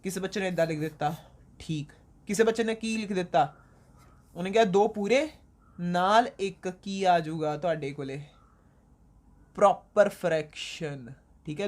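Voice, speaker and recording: A woman math teacher from Punjab, India, walks a class through a lesson step by step. She asks a question, pauses, and supplies the answer herself, repeating key points patiently. English math words are sprinkled through her explanations. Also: fairly low pitch, darkish tone. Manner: mixes English math terms into her talk.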